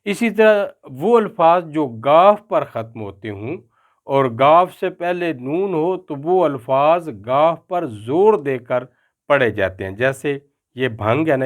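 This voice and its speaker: An older man with a Pakistani Urdu accent giving a spoken pronunciation lesson, slowing down to say each word carefully. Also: mid-range voice, lively intonation.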